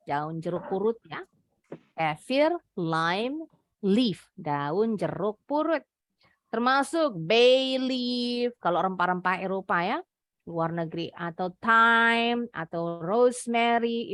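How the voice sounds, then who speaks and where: A woman English teacher, slowly modeling words for young pupils in an online class. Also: mid-range voice, fairly bright tone, no room sound. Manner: slow, clear modeling of words for children.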